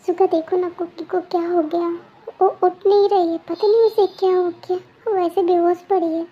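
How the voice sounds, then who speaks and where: A woman's voice: extremely high pitch, steady tone, normal speed, muffled recording. A young woman voicing a remorseful young man in a fan-made story, hesitant and apologetic.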